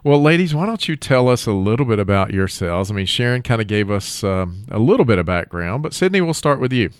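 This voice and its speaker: Joking New York man, lively low voice. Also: brisk, smooth, no echo, studio quality. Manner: joking, playful. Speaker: podcast co-host. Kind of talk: casual chat.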